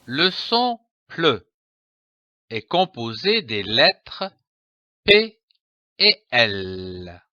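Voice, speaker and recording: Slow, bright, over-articulated male reading teacher. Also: medium pitch, no echo. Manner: spells out letters, deliberate and over-articulated. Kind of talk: slow syllable-by-syllable reading lesson. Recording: dry, dull lo-fi sound.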